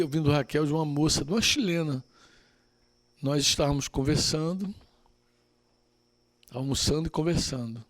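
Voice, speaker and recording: A male pastor preaches in a relaxed, conversational tone. His voice sits a little high, and he often quotes the people in his stories. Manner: conversational preaching, quoting others. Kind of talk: sermon.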